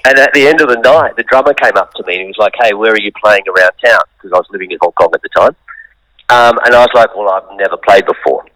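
A man's voice: fairly low pitch, fast, pushed and bright, dry recording, rough recording. A man, a musician and songwriter, telling his life story in an interview, open and thoughtful with many ums. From Australia.

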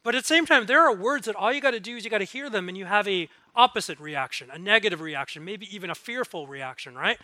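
A bright, high-pitched man preaches with lively energy, moving between jokes and earnest appeals. He keeps his talk conversational and checks in with frequent rhetorical questions. His voice is close and dry, with little room sound. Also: quick pace, few pauses, no room sound. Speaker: guest speaker. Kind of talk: sermon.

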